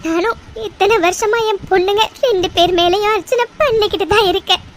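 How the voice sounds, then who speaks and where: A woman's voice: very high voice, animated, fairly quick, fairly bright tone, poor audio. A woman voicing an anxious, tearful mother of three in a cartoon, with an emotional, pleading delivery. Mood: weeping. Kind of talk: cartoon dubbing. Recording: faint background noise.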